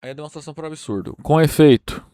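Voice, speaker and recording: A man's voice: a little high, quick pace, dark tone, no room sound, studio quality. A Brazilian man teaching a university math class, working through a proof step by step and checking in with his students. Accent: Brazilian Portuguese.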